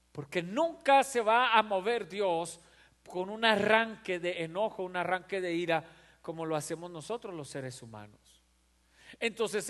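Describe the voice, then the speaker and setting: A pastor with a very high, slightly bright voice preaches a sermon fervently, repeating phrases for emphasis and acting out the voices in his stories. A long hall reverb surrounds him.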